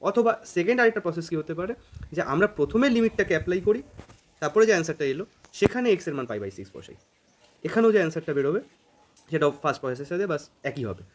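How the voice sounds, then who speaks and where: A man's voice: on the high side, animated, very fast, a little hiss or hum. A man teaching calculus in a casual, informal way, thinking aloud as he works through problems. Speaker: math teacher. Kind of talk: informal math lesson.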